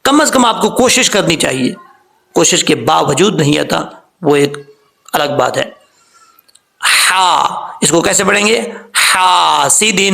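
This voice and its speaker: Gravelly, bright-voiced male Quran teacher. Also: a little high. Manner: explains slowly, drawing out recited words as examples. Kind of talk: tajweed lesson.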